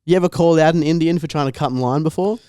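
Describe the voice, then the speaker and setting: Brash young podcast co-host. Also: male voice, fairly high pitch, very fast, warm tone, dry recording, studio quality. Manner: brash, swearing banter, egging his co-host on. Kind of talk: casual chat.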